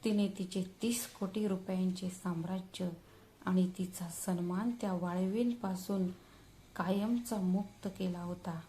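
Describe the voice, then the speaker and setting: A woman narrating a scripted family drama story as a channel storyteller, reading in a slow, deliberate, dramatic way. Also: fairly low pitch, steady tone, warm tone, slight background noise, rough recording.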